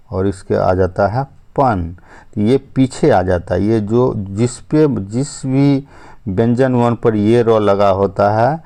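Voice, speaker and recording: A man's voice: lowish voice, vocal fry, warm tone. A man teaching a step-by-step spelling lesson, explaining patiently and repeating himself. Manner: slow, patient explaining with frequent "ठीक है" and "अब जो है". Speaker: English teacher.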